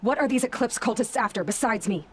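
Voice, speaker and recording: A woman's voice: a little high, fast, a little hiss or hum, close to an everyday voice. Firm, terse young huntress played by a woman. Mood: probing, firm. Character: stern young female huntress, determined interrogator, ultimately merciful. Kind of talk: dramatic video game acting. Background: faint background music.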